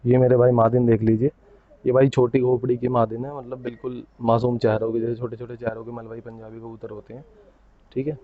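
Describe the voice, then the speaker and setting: A man showing his pigeons to the camera in a casual, chatty way, often tagging his sentences with a quick "okay?". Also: medium pitch, level tone, phone-quality sound, a crowd in the background. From India. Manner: chatty, keeps saying "bhai" and "theek hai". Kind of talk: casual hands-on show-and-tell.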